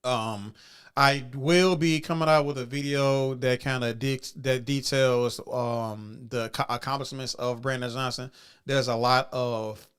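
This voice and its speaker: A man from Chicago hosts his own podcast on a loose livestream, talking in an easy, rambling way. His voice sits at a middle pitch and sounds smooth and resonant. He circles back, restarts his sentences and fills the gaps with "um" and "uh". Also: fairly even intonation, unhurried, a bit bright. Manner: rambling, many fillers and restarts. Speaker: podcast host. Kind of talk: casual livestream commentary.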